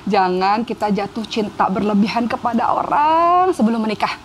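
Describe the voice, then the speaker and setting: A woman's voice: medium pitch, animated, normal speed, slight background noise. A woman giving religious advice on a talk show, emphatic and repeating phrases for effect. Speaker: female religious teacher guest.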